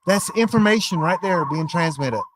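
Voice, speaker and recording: In an indoor online class, a man shows off radio gear through a hands-on, easygoing live tutorial, chatting to viewers in a folksy way. His high voice is animated and his pace is normal, with background noise in the recording.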